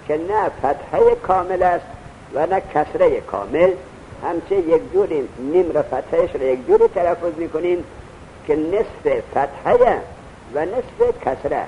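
Male teacher, lecture, slightly high voice, repeats points, answers own questions. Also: mellow, slight background noise, low-quality recording. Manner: asks questions and answers them himself. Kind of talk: classroom lecture.

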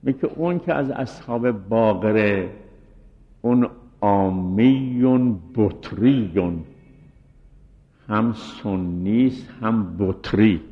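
A middle-aged man teaches a seminary class in a measured, scholarly way and recites Arabic quotations. His voice sits a little low. The recording is muffled and lo-fi, with a long hall reverb trailing after his words. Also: animated. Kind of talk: scholarly lecture on hadith narrators.

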